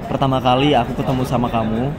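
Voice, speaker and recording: Fast-talking young Indonesian man, casual. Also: mid-range voice, steady tone, music in the background. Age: young adult. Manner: colloquial, agreeable, peppered with slang particles. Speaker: vlogger. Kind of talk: casual chat. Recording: busy outdoor crowd and traffic.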